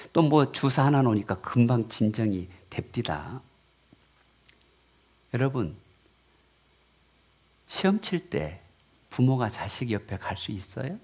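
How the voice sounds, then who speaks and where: A middle-aged man, preaching a sermon as pastor. He asks the congregation questions and answers them himself, rising to loud emphatic peaks and then dropping to quiet storytelling. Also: medium pitch, husky. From Korea.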